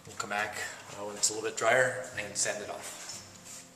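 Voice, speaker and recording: A man demonstrating wall repair techniques step by step, explaining in a relaxed way with frequent fillers. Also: fairly low pitch, moderate pace, noisy background. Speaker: plaster instructor. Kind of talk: instructional demonstration. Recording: roomy echo, voice from a distance, faint music.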